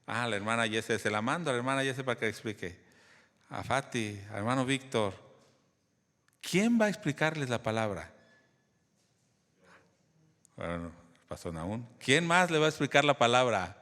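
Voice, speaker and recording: A man of middle pitch delivers a sermon in a church hall, his voice trailing off into a long reverb. He teaches in a conversational way, turning often to the congregation with questions. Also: animated, moderate pace, long pauses, fairly bright tone. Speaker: pastor.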